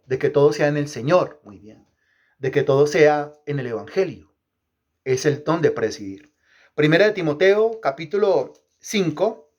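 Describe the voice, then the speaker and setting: A man's voice: a little high, darkish tone. A man preaching a teaching sermon, asking the congregation questions and repeating phrases for emphasis. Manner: emphatic, rhythmic repetition. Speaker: pastor.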